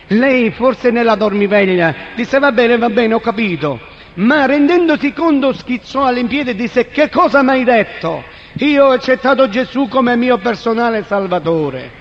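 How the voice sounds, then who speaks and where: A man's voice: sits high, highs cut off. A man giving a dramatic spoken conversion testimony in a church hall, acting out the voices he quotes. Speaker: testimony speaker.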